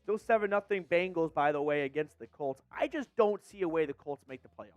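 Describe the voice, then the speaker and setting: An excitable man hosts a live fan watch party, calling each play and rallying his chat. His voice sits high. He is recorded dry and close, with faint music underneath. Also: fairly quick, no room sound, muffled recording. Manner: excitable, hypes chat and reads super chats. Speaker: fan channel host doing live play-by-play.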